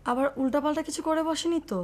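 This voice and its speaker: An actress playing a polite younger colleague who reacts with concern. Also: female voice, high voice, rapid-fire, natural voice. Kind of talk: TV drama acting.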